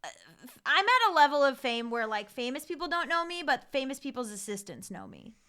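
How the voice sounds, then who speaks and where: A woman in her thirties, a podcast guest telling stories in casual chat, animated and quick to swear. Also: high-pitched.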